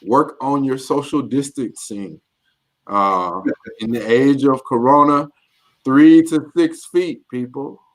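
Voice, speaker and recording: A man's voice: medium pitch, slow. A man co-hosting a casual business talk show, upbeat and playful as he wraps things up. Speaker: co-host. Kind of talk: casual podcast chat.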